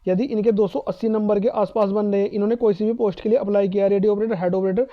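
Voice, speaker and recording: A man presents informal advice on exam cutoffs to candidates, speaking emphatically, repeating his points, and posing questions to himself. His voice sits high and steady at a fast pace, with lo-fi sound.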